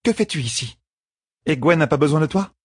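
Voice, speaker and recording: A man voicing a poised, teasing young queen in an audiobook, with a husky tone and composed delivery. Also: on the high side, animated, brisk, no room sound, clean studio sound, pitched above the performer's own voice. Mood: wry. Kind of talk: audiobook character voice.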